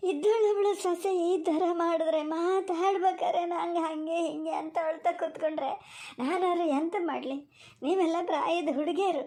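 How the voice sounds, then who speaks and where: A woman's voice: very high-pitched, dark tone. A woman with a Malnad Kannada accent voicing a whiny, scheming older mother-in-law in a cartoon, wailing and muttering asides. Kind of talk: cartoon voice acting.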